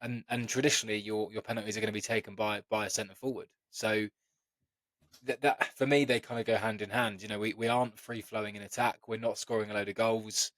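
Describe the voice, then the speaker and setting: Guy on a football podcast, kinda low monotone, dry mic, breaks it all down slowly. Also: no room sound. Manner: measured, analytical, repeats words while thinking. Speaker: podcast co-host. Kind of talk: casual football podcast chat.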